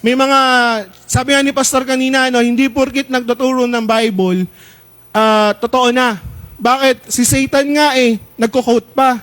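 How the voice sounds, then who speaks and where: A man with a Filipino accent and a strikingly high voice preaches to his congregation. He keeps the sermon chatty, with quick jokes and constant "Amen?" prompts. He slows down whenever he reads scripture aloud. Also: fairly even intonation, fairly bright tone. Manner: conversational preaching, asks the crowd "Di ba?" and "Amen?" often, mixes in English; slows down when reading verses aloud. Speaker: pastor.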